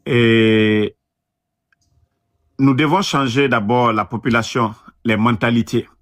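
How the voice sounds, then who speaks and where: Guinean guy on a panel, earnest, keeps restarting, normal pitch. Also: fairly even intonation, fairly bright tone. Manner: earnest, halting, many restarts. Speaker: panel guest. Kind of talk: political panel talk.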